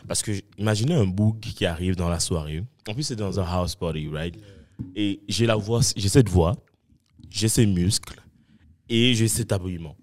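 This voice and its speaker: A man's voice: low-pitched, moderate pace, a little mellow. A young adult man, a podcast guest, telling a story in casual chat and acting out the voices of other people.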